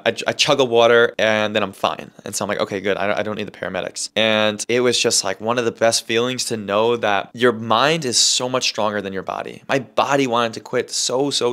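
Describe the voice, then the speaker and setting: A man's voice: on the low side, a bit bright. Candid man telling a casual vlog story. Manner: candid, conversational, with emphatic repetition. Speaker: vlogger. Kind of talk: casual first-person storytelling to an audience.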